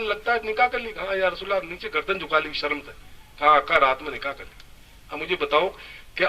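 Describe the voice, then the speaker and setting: A man's voice: sits high, sharp tone, recorded from a distance, highs cut off. A man preaching a sermon with emphatic delivery that rises and falls. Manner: emphatic, rising and falling delivery. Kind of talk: Urdu-Hindi sermon.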